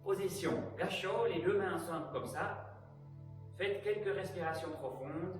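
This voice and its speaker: A man teaching an aikido class, giving calm, measured cues for breathing and movement. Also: high-pitched. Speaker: aikido instructor. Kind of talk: guided exercise instruction. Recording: very echoey room, distant mic, faint music.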